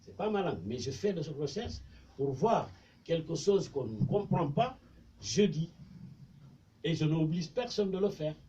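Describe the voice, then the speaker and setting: A Senegalese man, whose first language is Mandinka and who has a Senegalese French accent, preaches informally from a distance. His fairly high voice is warm and sing-song at a slightly slow pace, and he talks conversationally, repeating himself and reciting Arabic verses. The recording is distant, dull and lo-fi, with faint noise.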